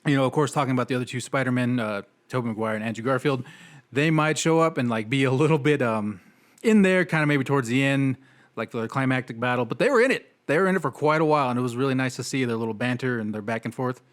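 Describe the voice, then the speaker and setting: A man's voice: mid-range voice, fast talker. Laid-back young man hosting a podcast. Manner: relaxed, self-deprecating, frequent laughs and fillers. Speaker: podcast host. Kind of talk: casual movie review chat.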